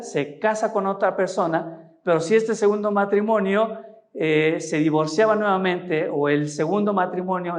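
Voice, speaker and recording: High-voiced Mexican pastor preaching. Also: male voice. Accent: Mexican Spanish. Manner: teaching, asks listeners rhetorical questions. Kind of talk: sermon.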